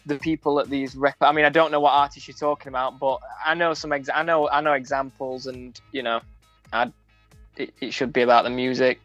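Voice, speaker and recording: A young adult musician from Sheffield, England, with a broad Sheffield accent, speaks frankly as a guest in a casual radio interview, often restarting sentences and using many fillers. His voice is medium-pitched, pushed and bright. The sound is dull and dry, with music underneath.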